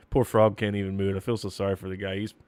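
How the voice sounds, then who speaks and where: A man's voice: lowish voice, fairly even intonation, fast, darkish tone, dry recording, clean studio sound. A man in his thirties hosting a podcast, reading history facts between crude jokes. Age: 30s. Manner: crude, joking, laughs often. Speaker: podcast host.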